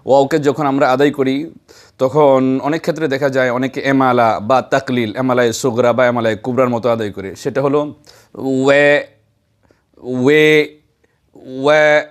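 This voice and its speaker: A man's voice: medium pitch, steady tone, fairly quick. Methodical man teaching pronunciation. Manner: methodical, counts points and demonstrates sounds aloud. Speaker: Quran recitation teacher. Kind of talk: instructional lesson on letter pronunciation.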